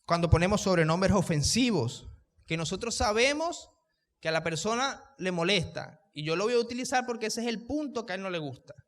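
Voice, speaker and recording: High-voiced preacher in a reverberant church. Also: male voice, animated, a little fast. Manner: preaches with questions to the congregation; raises his voice to reach the room. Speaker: pastor. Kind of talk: sermon.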